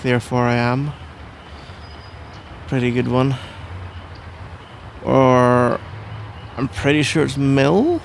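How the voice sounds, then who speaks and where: A medium-pitched man with vocal fry plays a sleepy, cuddly husband in an intimate ASMR roleplay, drowsy, affectionate and rambling with playful melodrama. There's slight background noise.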